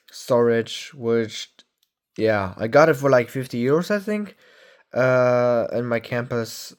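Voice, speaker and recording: A young man in his late teens casually reviewing his phone collection at home, rambling with many fillers and self-corrections. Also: medium pitch. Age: young adult. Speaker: tech vlogger.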